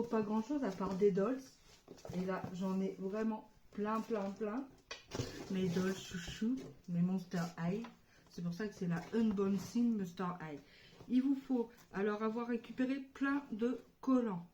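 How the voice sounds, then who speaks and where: A woman's voice: a little high, slight background noise. A woman with a Spanish accent who hosts a casual doll unboxing and craft tutorial, chatty and enthusiastic and dropping in English words. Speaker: doll customizing vlogger.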